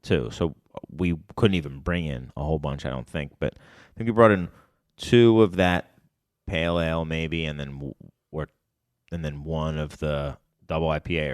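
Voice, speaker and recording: A man's voice: extremely low pitch, dry recording, clean studio sound. A man co-hosting a casual podcast chat, rambling and correcting himself as he goes. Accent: Chicago. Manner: rambling, self-correcting, hedging. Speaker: podcast co-host, beer bar owner.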